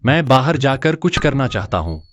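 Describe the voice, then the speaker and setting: A man's voice: mid-range voice, sing-song, normal speed, dry recording. A man playing an earnest young entrepreneur. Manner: earnest and determined. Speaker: young shop owner in a dubbed drama. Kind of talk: dubbed drama acting.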